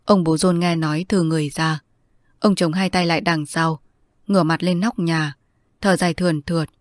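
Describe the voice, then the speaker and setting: A woman narrating a novel in a steady, measured storytelling manner. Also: fairly low pitch, dry recording. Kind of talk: audiobook narration.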